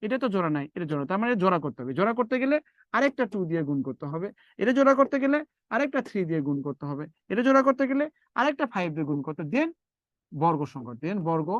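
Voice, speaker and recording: A man's voice: high voice, very animated, racing, dry recording, dull audio. Casual: male math teacher, bouncy up-and-down voice, keeps asking "how much here?". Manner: repetitive, quizzing students, talking through sums. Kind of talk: live online math lecture.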